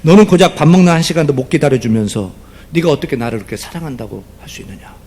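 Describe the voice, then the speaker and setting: A male pastor voicing God gently rebuking a man, in an earnest tone. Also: fairly high pitch, quick pace, slight background noise, close to an everyday voice. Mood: earnest rebuke. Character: God speaking to a man, patient and reproachful.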